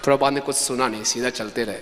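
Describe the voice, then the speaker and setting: A man's voice: medium pitch, quick pace, a little hiss or hum. A man giving a sermon in a scripture class, telling stories animatedly and acting out the voices he quotes. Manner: animated storytelling, acts out quoted voices, laughs with the audience. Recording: long hall reverb.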